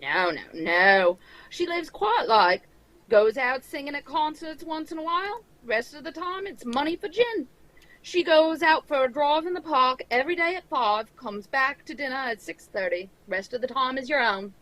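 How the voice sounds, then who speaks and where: Reading an old-time radio drama script live, a woman voices a friendly, gossipy male tavern keeper with a Cockney accent, sounding folksy and chummy. Her voice sits high and is expressive and a bit bright, at a normal speed, on a rough recording.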